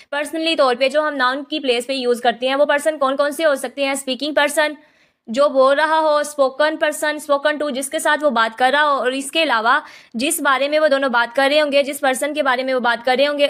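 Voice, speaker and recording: High-voiced woman teaching grammar. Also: fairly bright tone. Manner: explains in Hindi-English mix, repeats "ठीक है" often. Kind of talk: online lesson.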